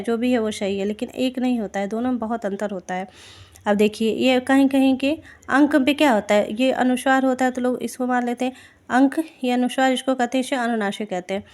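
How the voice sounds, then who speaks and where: A woman teacher giving an exam-prep spelling lesson, slowly reading out word lists and pausing to ask her students rhetorical questions. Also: high-pitched. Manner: slow, deliberate reading of word lists with brief explanations.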